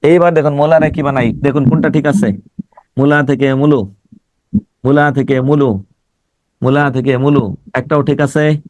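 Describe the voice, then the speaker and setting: A man's voice: mid-range voice, fairly even intonation, moderate pace, long pauses, darkish tone, no room sound. A male teacher giving an online exam-prep class, emphatic, repeating words and sounding them out syllable by syllable.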